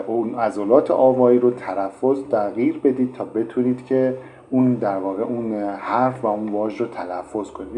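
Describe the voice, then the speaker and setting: A man's voice: mid-range voice, mellow, slight background noise. A man teaching English pronunciation in an online lesson, explaining patiently with frequent fillers. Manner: explanatory, many fillers like "in fact".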